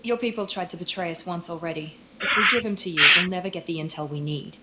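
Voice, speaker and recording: A woman's voice: lowish voice, fast, very noisy, natural voice. A woman playing a hard-nosed female operative in a video game, clipped and businesslike. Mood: stern.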